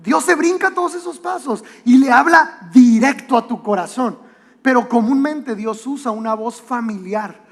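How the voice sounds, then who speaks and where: A man's voice: very high-pitched, animated, moderate pace. A man with a Mexican accent preaching a sermon in a church auditorium, conversational, with rhetorical questions and joking asides. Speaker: pastor. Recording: long hall reverb from a church auditorium.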